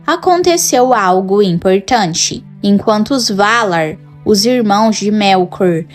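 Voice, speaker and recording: A woman with a Brazilian Portuguese accent giving scripted narration in a measured, dramatic storytelling manner. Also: on the high side. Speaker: lore channel host.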